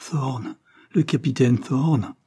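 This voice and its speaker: A man's voice: medium pitch, slow pace, dark tone, breathy edge, pitched above the performer's own voice. A man reading the part of a shaken young man on the run, who speaks urgently and insistently. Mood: agitated, insistent.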